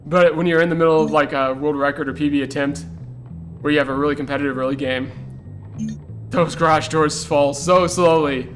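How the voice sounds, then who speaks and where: Over game music and sound effects, a man talks through his speedrun in a casual, rambling way, leaning heavily on "like" and "uh" and chuckling at himself between points. He speaks briskly, with a fairly high, somewhat bright voice and fairly even intonation.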